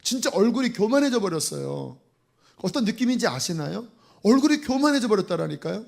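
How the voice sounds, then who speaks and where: A male pastor delivers a sermon to his congregation in a church, his voice sitting high. He preaches in a lively, animated way, acting out faces and little voices and scattering fillers through his speech. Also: a little fast, gravelly.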